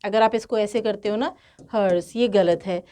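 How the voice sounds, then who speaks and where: Teaching English grammar in a blend of Hindi and English, a woman speaks in a warm, mid-range voice. Her delivery is slow and deliberate; she goes over key points again and asks rhetorical questions.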